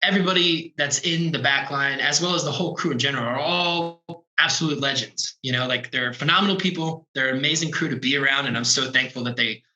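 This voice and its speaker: Bright-voiced man on an echoey call. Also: mid-range voice, fast talker, lo-fi sound. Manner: laid-back, rambling, lots of "like" and "you know". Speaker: drum tech on tour, guest. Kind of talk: casual remote interview. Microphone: video call.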